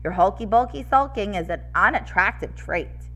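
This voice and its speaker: Chiding undersea storybook friend read by a woman, bright, brisk rhyming scold. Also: medium pitch, animated, faint music behind. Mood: chiding, urging. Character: chiding sea creature friends urging cheer.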